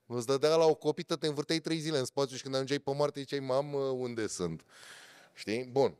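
A man, a motorsport commentator telling animated stories in a casual podcast chat. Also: clear, resonant tone, no echo. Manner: animated storyteller, swings loud and high for emphasis.

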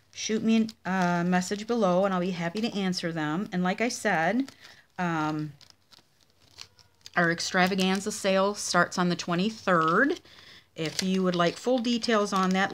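Slow, chatty woman showing handmade cards. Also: fairly low pitch, a bit bright, slight background noise. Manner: chatty, unhurried, gushing over each card. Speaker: craft demonstrator showing card swaps. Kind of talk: casual craft vlog.

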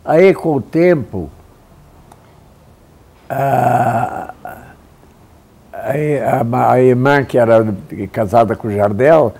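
Casting: elderly male filmmaker, mellow, halting, matter-of-fact storyteller in an indoor interview. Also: mid-range voice, vocal fry. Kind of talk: slow-forming reminiscence. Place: living room indoors.

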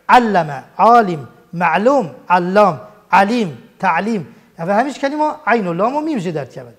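Man, Kurdish accent, Quran teacher, lesson, fairly high voice, slow emphatic word repetition. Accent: Kurdish (Badini). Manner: repeats Arabic word forms slowly and emphatically. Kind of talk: religious language lesson.

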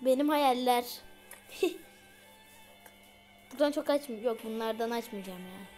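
Woman, high voice, unhurried, casual gameplay commentary, chatty and slangy. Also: dark tone, faint music behind. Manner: chatty, slangy, talks straight to viewers. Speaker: gaming video creator.

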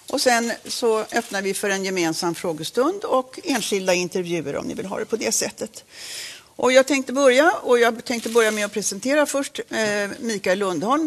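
A woman chairing a board, reading a prepared statement at a press conference in a formal, measured way with occasional self-corrections. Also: a little high.

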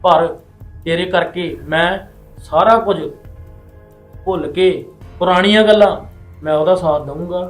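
A man's voice: high-pitched, a little slow, long pauses, faint music behind. A man playing a son-in-law in a family drama, insistent and reassuring, repeating himself as he talks. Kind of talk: Punjabi family web drama acting.

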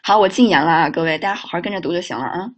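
A woman's voice: lowish voice, lo-fi sound. Woman teacher drilling spoken phrases. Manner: slow drilled model phrases, quick chatty asides; firm with students, mildly scolding. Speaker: English teacher. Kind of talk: live online English speaking lesson.

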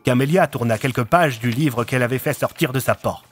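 A man narrating an audiobook in a steady, scripted storytelling voice. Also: mid-range voice, brisk, faint music behind.

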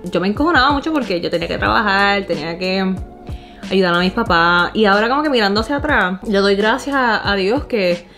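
A Puerto Rican woman in her twenties, with a Puerto Rican accent, shares personal stories from her living room as a vlogger, mixing casual slang with English words. She speaks briskly in an animated, fairly bright, mid-range voice over soft background music.

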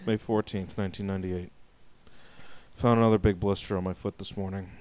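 A young man co-hosting a let's play reads a diary entry aloud with mock drama, laughing loudly and joking with his partner. His voice is low-pitched and a little fast, with fairly even intonation.

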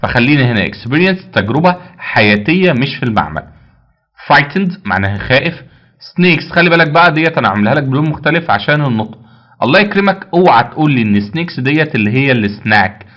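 A man's voice: medium pitch, sing-song, fast, a bit bright, dull audio. A man with an Egyptian Arabic accent teaching English vocabulary, repeating each word and answering his own questions. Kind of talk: vocabulary lesson.

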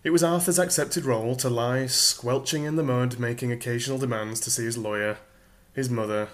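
Man, audiobook narrator, calm sleep reading, measured, dry, unhurried, medium pitch.

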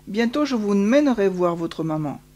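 Une femme qui prête sa voix à un petit garçon rayonnant, doux et consolateur, au ton posé et solennel. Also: female voice, medium pitch, expressive, normal speed, dark tone, natural voice. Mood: gentle, consoling. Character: radiant gentle little boy, calm and consoling.

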